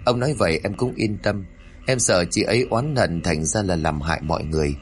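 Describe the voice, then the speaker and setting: A man's voice: sits low, fairly quick, a little hiss or hum, lightly acted. A man voicing a frightened middle-aged wife who questions her husband anxiously in a spoken horror story. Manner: anxious, pleading.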